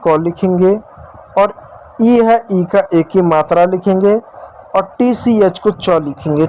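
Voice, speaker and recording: A man's voice: high-pitched, darkish tone, slight background noise, poor audio. A man teaching English spelling and phonics in Hindi, asking questions and answering them himself, repeating each step and calling his viewers dear children.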